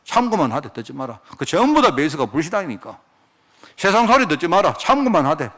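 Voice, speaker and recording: A man's voice: on the high side, big pitch swings, brisk, fairly bright tone. A male pastor preaching a sermon, firing off rhetorical questions as he goes.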